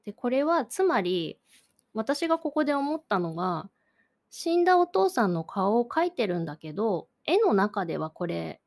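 Woman host, reflective solo talk, measured and searching, voice drops soft at times. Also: mid-range voice, big pitch swings. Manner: thoughtful, searching for words, drifting to soft near-whispers. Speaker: podcast host. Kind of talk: reflective solo talk about an art exhibition.

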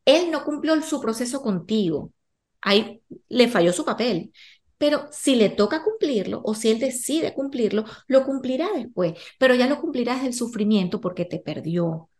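A woman's voice: on the high side, lively intonation, normal speed, a little mellow. A woman guest on a podcast, explaining spiritual ideas in an earnest, direct way and addressing the listener. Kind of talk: casual spiritual conversation.

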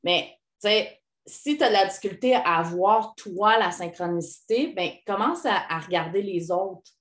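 A woman with a Québécois French accent, co-hosting a relaxed advice podcast. She talks in a casual, animated way and acts out quoted replies with a lift in her voice. The recording sounds echoey, as if the room is a bit hollow. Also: mid-range voice, moderate pace. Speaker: podcast co-host.

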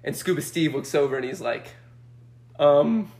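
A young man telling a story in a casual chat, animated and laughing often as he acts out quotes. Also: on the high side, moderate pace. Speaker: podcast guest.

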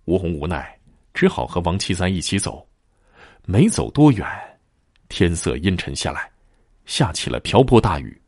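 Man, storyteller, dramatic ghost story narration, husky voice, dry recording. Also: deep voice, moderate pace, pauses often, no echo. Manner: dramatic, expressive.

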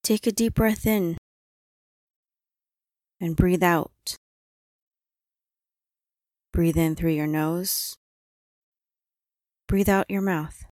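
Slow, soothing woman guiding meditation. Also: lowish voice, no echo, studio quality. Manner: calm, soothing, unhurried instructions with long pauses. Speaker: meditation guide. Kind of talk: guided body-scan meditation.

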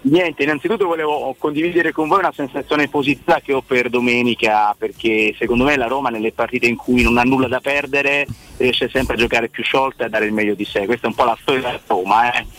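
A man calling in over the phone, speaking in a measured, articulate way with frequent short pauses. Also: mid-range voice, fairly even intonation, a bit bright, no echo, low-quality recording. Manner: measured, articulate, many "eh" fillers. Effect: heard over the phone. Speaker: radio caller. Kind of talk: casual call-in chat.

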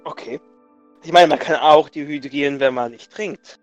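A man's voice: on the high side, moderate pace, muffled recording, faint music behind. A man co-hosting a casual chat in a dry, laid-back joking way, with his microphone overdriven so his voice clips and distorts. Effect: clipping, overdriven distorted mic. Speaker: podcast co-host.

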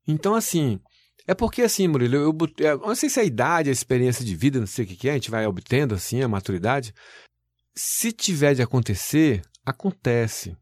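A male news presenter tells his story in a lively, folksy way, full of exclamations. His voice sits at an ordinary middle pitch. The sound is dry and close, with no room echo. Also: a little fast. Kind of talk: interview storytelling.

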